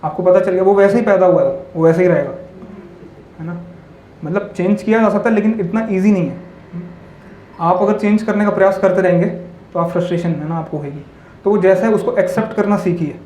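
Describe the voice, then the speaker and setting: A fairly high-pitched man with a dark, mellow tone, giving a spiritual talk to a hall audience. He tells simple parables and keeps asking his listeners tag questions. The sound is roomy and echoey, with faint ambience behind him. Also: a little fast, a little hiss or hum. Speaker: monk speaker.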